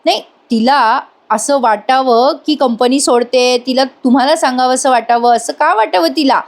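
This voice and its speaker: A woman reading as a sharp-tongued scolding aunt. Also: high-pitched, moderate pace. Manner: scolding, needling. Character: sharp-tongued middle-aged aunt defending her niece.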